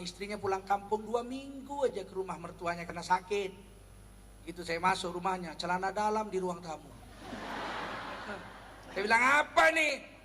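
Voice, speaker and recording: High-voiced, animated male preacher. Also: long reverb tail, a little hiss or hum. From North Sumatra, Indonesia. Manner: animated, acts out quarrels in a raised voice. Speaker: Islamic preacher. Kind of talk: humorous religious lecture.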